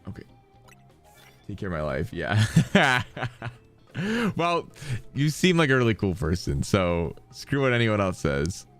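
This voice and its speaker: Chatty excitable male game streamer. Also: lowish voice, a little slow, pauses often, faint music behind. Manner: chatty, excitable, rambling asides. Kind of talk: casual gameplay chat with viewers.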